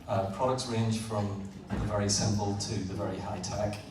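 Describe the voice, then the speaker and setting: A man from Northern Ireland, an engineer, presents to an audience in a large hall in a low, flat voice with little rise or fall. He speaks plainly and a little haltingly, often saying "uh" and repeating words. The recording is roomy and distant, so the mic sounds far away and the hall's echo and background noise come through clearly.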